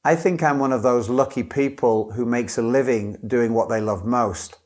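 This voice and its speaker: A man, an English teacher, giving scripted model answers as an exam candidate in a clear, careful delivery. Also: mid-range voice, normal speed, darkish tone.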